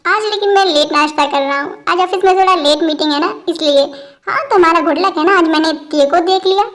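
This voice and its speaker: Jovial middle-aged dad, high voice, fond, voiced by a woman. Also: fairly quick, fairly bright tone. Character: cheerful middle-aged father, businessman.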